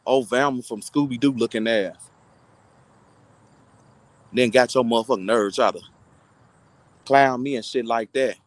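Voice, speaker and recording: A man's voice: medium pitch, unhurried, long pauses, no echo, poor audio. A content creator, a man, delivering a heated, insulting, mocking rant to his online audience.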